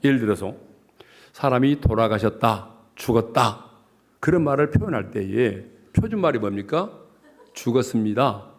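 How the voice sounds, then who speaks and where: Male pastor, revival sermon, joking delivery, pitch swings widely, mid-pitched. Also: moderate pace. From South Jeolla, Korea. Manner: animated, joking preaching with dialect humor.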